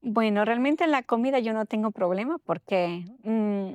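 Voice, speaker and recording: Animated and on the high side, with a darkish tone, this middle-aged Ecuadorian woman speaks as an interview guest about her personal story. She tells it haltingly, frequently checking in through tag questions, and the recording has no room sound.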